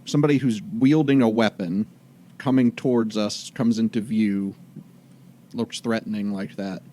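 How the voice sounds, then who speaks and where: Brief: male player, lowish voice, talks plans through aloud with lots of uhs and likes. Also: steady tone, normal speed, warm tone, a little hiss or hum. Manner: thinks aloud, chatty with many fillers. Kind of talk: casual tabletop game play.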